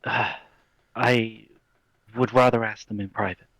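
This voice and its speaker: A man chats casually as a player in a tabletop game, polite and amused. His voice sits mid-pitch and sounds dry and close. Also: fairly even intonation, measured pace, a bit bright, dry recording.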